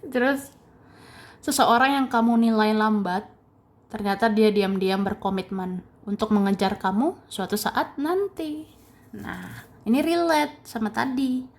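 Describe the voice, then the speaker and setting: A young woman giving a casual tarot card reading, repeating phrases and chuckling softly as she goes. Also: a little high. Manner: slow, repetitive phrasing with soft chuckles. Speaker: tarot reader.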